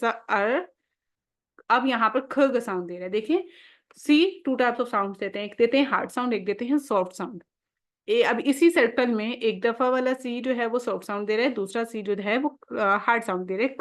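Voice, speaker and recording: A young woman teaching phonics for home-schooling, sounding out letters slowly and patiently and checking in often with "okay?". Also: on the high side.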